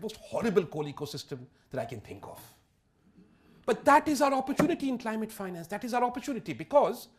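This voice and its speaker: A man giving a public lecture on economics, emphatic and wry, full of rhetorical questions. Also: high voice.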